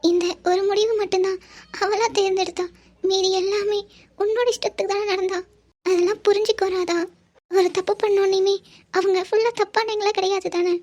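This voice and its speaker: A woman voicing a gentle woman who soothes and reasons with a grieving friend in a cartoon drama. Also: extremely high pitch, little pitch movement, normal speed. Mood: consoling. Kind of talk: cartoon voice acting.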